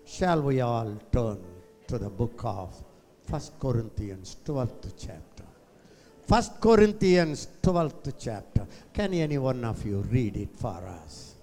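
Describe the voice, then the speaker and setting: In a reverberant hall with music behind him, a man preaches in a South Indian accent. His delivery is slow and theatrical, full of repeated phrases and vocal sound effects. He addresses the congregation directly as he gives his sermon. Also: medium pitch, big pitch swings, mellow.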